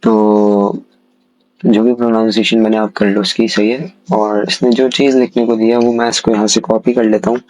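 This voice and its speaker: A man's voice: lowish voice, little pitch movement, normal speed, a little mellow, poor audio. A man hosting a casual screen-recorded tutorial, talking viewers through each step and often checking in with them. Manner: conversational, repeats "sahi hai" as a filler, addresses viewers as "bhai". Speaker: tutorial host.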